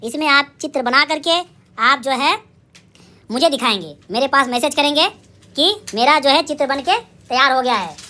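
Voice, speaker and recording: A woman teaching young children in a lively recorded lesson. She asks and answers her own questions, sounds out syllables slowly, and calls out cheerful praise. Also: high-pitched. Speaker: primary school teacher.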